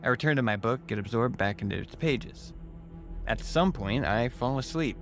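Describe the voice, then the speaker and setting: A man's voice: mid-range voice, animated, moderate pace. A man narrating a first-person scary story in a dramatic style. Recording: music under the narration. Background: music.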